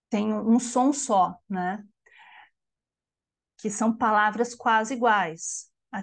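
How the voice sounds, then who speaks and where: A woman with a Brazilian Portuguese accent, leading a study group as teacher, explaining patiently and often checking in with a tag question. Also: fairly high pitch. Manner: explanatory, frequent tag "né?", slows to pronounce words syllable by syllable. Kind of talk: online lecture on bilingual education.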